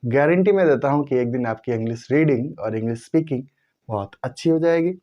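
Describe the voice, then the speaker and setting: A man teaching English pronunciation in a slow, repetitive way, drawing out the example words. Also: medium pitch, animated, dark tone, lo-fi sound. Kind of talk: explanatory lesson to viewers.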